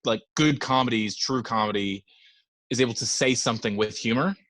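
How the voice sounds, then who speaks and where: A man's voice: mid-range voice, a little fast, a bit bright, no room sound. A young man chatting on a podcast, eager and rambling as he piles up fillers and restarts. His voice sits in a middle range and sounds close and dry, with no room around it. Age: young adult. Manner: enthusiastic, rambling with many fillers. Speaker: podcast guest. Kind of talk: casual chat.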